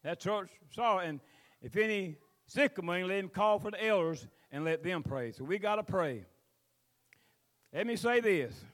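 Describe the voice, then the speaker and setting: A man's voice: high voice, lively intonation, normal speed, a bit bright. A man with a Southern US accent preaching as a pastor, folksy and rambling, drawling out scripture phrases. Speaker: pastor preaching to his congregation. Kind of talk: sermon, mixing scripture reading with plain exhortation.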